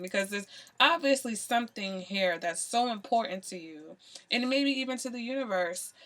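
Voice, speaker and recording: A woman's voice: medium pitch, a bit bright. Woman, tarot reader, direct-to-camera, emphatic and earnest, lots of "you know" and "okay?", middle-range voice. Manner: earnest, emphatic advice with frequent "okay?" check-ins; repeats phrases for emphasis, many "you know" fillers.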